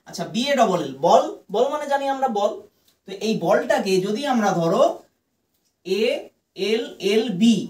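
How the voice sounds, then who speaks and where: A woman teaching an English lesson, patiently spelling words out letter by letter and answering her own questions. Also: on the high side. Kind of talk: explaining a lesson to students. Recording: echoey room from far off.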